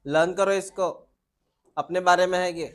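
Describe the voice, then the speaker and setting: A man's voice: high-pitched, fairly even intonation, normal speed. A man teaching biology to a class, repeating points and asking students questions. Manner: repetitive, asks students questions.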